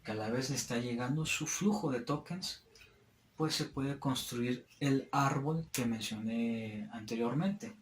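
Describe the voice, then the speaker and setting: A man's voice: medium pitch, a little slow, a little hiss or hum. Hesitant young man explaining, echoey room. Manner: hesitant, frequent fillers and restarts. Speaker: student presenter. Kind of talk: classroom explanation at a whiteboard.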